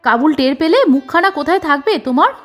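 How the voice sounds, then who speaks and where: A woman voicing a suspicious older wife who questions her husband with sharp, accusing retorts in a storybook reading. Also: sits high, lively intonation, fast, faint music behind, voice pushed up.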